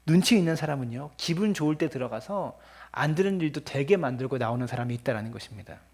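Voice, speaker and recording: Husky-voiced man preaching a sermon. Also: medium pitch, animated, quick pace, a little mellow. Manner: earnest preaching, acts out scolding parents in quoted lines; addresses the congregation often. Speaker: pastor.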